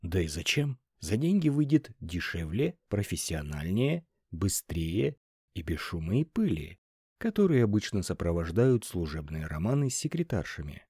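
A male narrator reading an audiobook with animated, rising and falling intonation. His voice sits at a middle pitch and sounds close and dry, with no room around it. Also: normal speed, slightly rough, no room sound. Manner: expressive storytelling with lively intonation.

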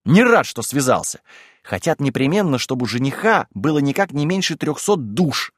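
A man voicing a polite, scheming middle-aged gentleman who talks evasively and with wounded dignity in an audiobook reading. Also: medium pitch, big pitch swings, moderate pace, no echo, clean studio sound. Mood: wheedling.

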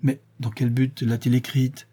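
A man's voice: mid-range voice, little pitch movement, a little slow, mellow, breathy edge. A man reading aloud and voicing a flustered, bewildered male sidekick who answers in plaintive, defensive replies.

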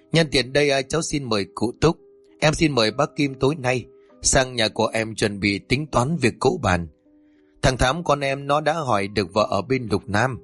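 A man's voice: mid-range voice, a bit bright, close to an everyday voice. A man voicing a cheerful middle-aged village woman giving a polite invitation.

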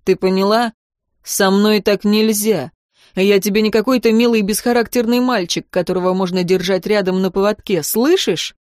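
A woman voicing a young man who is insistent and hurt, speaking low and firm in a story reading. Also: unhurried, darkish tone, no room sound, clean studio sound, close to an everyday voice. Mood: cold insistent.

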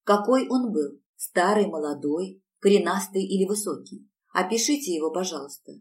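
An insistent young woman who presses with urgent questions, voiced by a woman reading a story aloud. Her voice is lowish, and the mic is set back from the reader. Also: animated, normal speed, darkish tone, lightly acted. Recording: distant mic.

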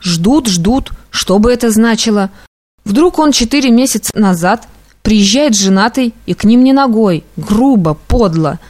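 A woman reading aloud, voicing an emotional young male clerk who pleads and rushes his words. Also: a little high, animated, darkish tone. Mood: tender.

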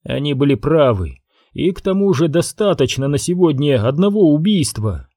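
A man narrating an audiobook with steady storytelling. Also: a little high, moderate pace, no room sound, clean studio sound. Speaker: audiobook reader. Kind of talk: scripted narration.

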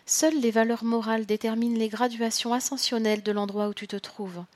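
A woman voicing a soft-spoken spirit guide. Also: fairly high pitch, steady tone, brisk, dry recording, close to an everyday voice. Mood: solemn. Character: calm spirit guide, gentle and solemn. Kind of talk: storybook reading.

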